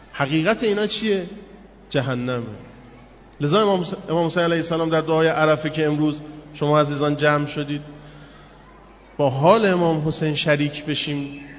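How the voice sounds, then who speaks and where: A high-pitched man preaches a sermon and tells a story with dramatic flair, acting out each character's lines. He slows down and draws out words to stress a point. His voice rings through a hall with a long echo, captured on a dull, lo-fi recording. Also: a little hiss or hum. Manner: slows and stretches words for emphasis. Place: gathering hall with an audience.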